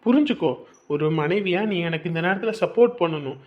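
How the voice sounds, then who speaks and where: A man's voice: sits high, animated, brisk. A man plays a stern young husband in a family drama, lecturing his wife with stubborn insistence. His voice comes through a dull, lo-fi recording. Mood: firm persuading. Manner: lecturing, repeats himself, grows harsh. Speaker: husband leaving home for work. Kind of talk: Tamil family drama acting.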